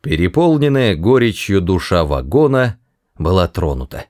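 A man narrating an audiobook in a lively, expressive reading. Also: low-pitched, moderate pace, dry recording, studio quality. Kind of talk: scripted narration.

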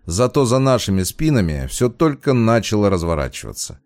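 A man narrating a first-person audiobook in a measured, dramatic way. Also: on the low side, very animated, darkish tone, no echo, clean studio sound.

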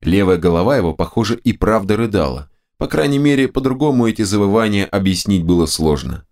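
Man narrating a fantasy audiobook, lively. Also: fairly low pitch, a little fast. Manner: expressive, lively storytelling. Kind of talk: first-person fantasy narration.

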